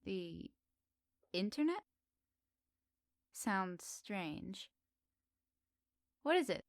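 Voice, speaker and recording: In an intimate ASMR roleplay, a woman plays a centuries-old witch of the woods, coy and teasing, sounding curious and amazed. She speaks slowly at a medium pitch, heavily acted and gravelly, with expressive turns and soft pauses. The recording is dry with no room sound at all.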